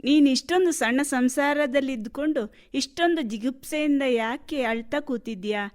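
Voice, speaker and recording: A serene holy woman, played by an actress in a radio play, she speaks in a gentle, measured, motherly way and her voice sits a little high. she offers her counsel slowly and patiently. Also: lightly acted. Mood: calm counsel. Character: wise calm female holy woman advising villagers. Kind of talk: radio drama acting.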